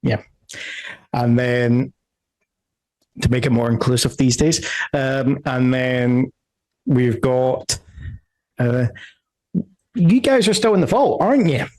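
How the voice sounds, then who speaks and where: Male game master, slow and halting, mid pitch. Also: lively intonation, a little mellow. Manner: slow, hesitant, many fillers. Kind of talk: running a tabletop game.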